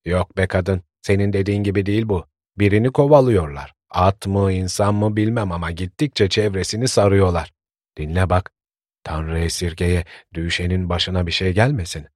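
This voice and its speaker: A man voicing a worried, gruff old village grandfather who scolds and frets. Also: deep voice, fairly even intonation, normal speed, a little mellow, no echo, studio quality. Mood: anxious. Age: older. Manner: scolding, fretful.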